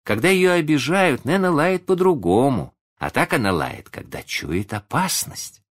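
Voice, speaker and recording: A man's voice: fairly high pitch, big pitch swings, measured pace, voice pushed up. A man voicing an earnest little girl in a storybook, explaining things seriously.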